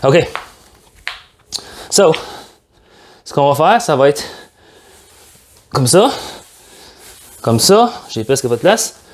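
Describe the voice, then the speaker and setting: A man's voice: fairly high pitch, sing-song, takes it slowly, long pauses, a little hiss or hum. A man with a Québécois French accent, leading a workout as a fitness coach, upbeat and joking as he counts reps aloud. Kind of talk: guided workout instruction.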